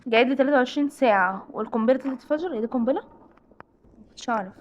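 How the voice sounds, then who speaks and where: A woman with an Egyptian Arabic accent hosting a horror game let's-play, excitable and jumpy as she talks through her fright. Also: fairly high pitch, racing, muffled recording, a little hiss or hum. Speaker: gaming channel host.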